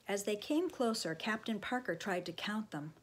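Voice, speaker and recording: A woman reading a children's book aloud, expressive, often dropping into a hushed whisper. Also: medium pitch, moderate pace, background noise. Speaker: storybook reader.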